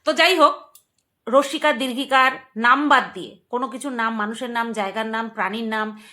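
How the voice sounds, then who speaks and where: A woman's voice: a little high, fairly even intonation, brisk, pushed and bright. A woman vlogger chatting casually to her viewers, emphatic and playful, repeating words and laughing often. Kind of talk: casual commentary to camera.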